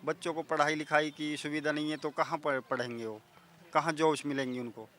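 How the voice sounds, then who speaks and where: A man, a villager answering a reporter outdoors in a measured, articulate way. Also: a little high, little pitch movement, a bit bright, slight background noise. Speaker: villager interviewee. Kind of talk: interview answers.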